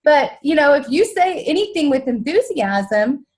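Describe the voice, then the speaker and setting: A woman co-presenting in casual chat, lively, laughing and acting out what people say. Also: high voice, moderate pace. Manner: lively, laughs, acts out quoted voices.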